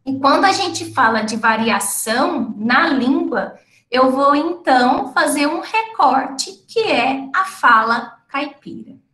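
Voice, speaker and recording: High-pitched woman w/ caipira accent, explaining things slowly like a teacher, echoey room. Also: animated, sharp tone. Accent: caipira, interior São Paulo Portuguese. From interior of São Paulo state, Brazil. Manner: explanatory, frequent tag questions. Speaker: lecturer. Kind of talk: online academic talk.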